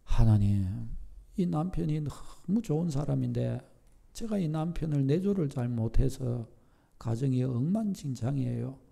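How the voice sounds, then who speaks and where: A man voicing a tearful young wife pleading in prayer, soft and pleading. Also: medium pitch, lively intonation, unhurried, vocal fry, heavily acted.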